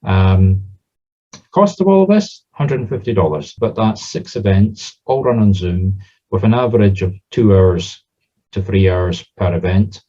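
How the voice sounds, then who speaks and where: A man's voice: fairly low pitch, lively intonation, unhurried, mellow, muffled recording. A man with a Southern Scottish accent giving an informal explanatory talk as a spiritualist medium, in a conversational way with examples. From Scotland.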